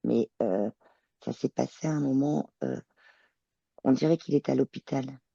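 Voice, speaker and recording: A woman working as a telepath, describing her visions in a channeling session, halting and searching for words. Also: extremely low pitch, creaky, dark tone, breathy edge, no echo, lo-fi sound. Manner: hesitant, searching for words, many fillers.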